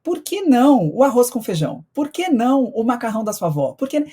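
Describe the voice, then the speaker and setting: A woman's voice: a little high, big pitch swings, fairly quick, mellow, breathy edge. A woman who teaches eating behavior, talking in a teacherly way and guiding listeners through a reflection exercise on a podcast. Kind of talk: casual podcast conversation.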